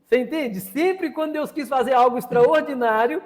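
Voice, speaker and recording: This is a very high-pitched male voice speaking at normal speed, recorded in a large hall. He's a podcast host and interviewer in his fifties with a Brazilian Portuguese accent, opinionated in a casual interview and prone to repeating words as he searches for them.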